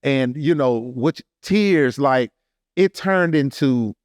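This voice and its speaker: On a podcast, an American artist recounts his own story in an earnest, emphatic yet casual way. He speaks slowly at medium pitch with lively intonation, and the recording is dry and studio-clean.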